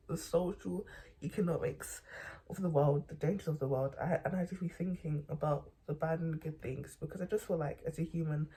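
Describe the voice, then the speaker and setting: Young vlogger, mellow tone, loose rambling late-night monologue from bed, lots of slang and repeats. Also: medium pitch, slightly rough.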